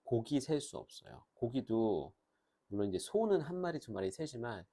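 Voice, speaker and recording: A man teaching English grammar in a lively lecture, pausing to say English phrases slowly and clearly. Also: medium pitch. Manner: animated, switches between Korean and slow, drawn-out English phrases.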